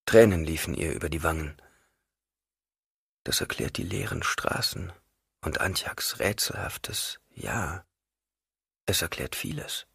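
A man reading an audiobook as narrator in a calm storytelling manner. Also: low voice, unhurried, creaky, pauses often, slightly rough, no echo, clean studio sound. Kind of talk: scripted narration.

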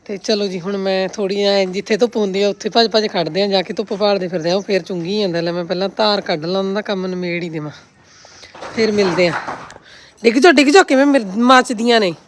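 This home vlog features a woman around forty talking fast in a mid-range voice with fairly even intonation, chatting casually like a homely aunty who exclaims and complains a lot. Recorded outdoors in a farmhouse yard, the sound is clear, with outdoor ambience and background noise.

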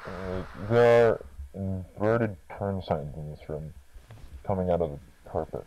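An actor playing a young male explorer, wary but stubborn, who speaks in a hesitant, halting way. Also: low voice, highs cut off, a little hiss or hum. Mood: cautious.

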